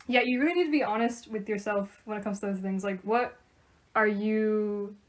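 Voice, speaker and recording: A woman's voice: mid-range voice, fairly even intonation, moderate pace. A teenage girl co-hosting a podcast, casually giving dating advice and finishing her partner's points. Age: teens. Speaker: podcast co-host.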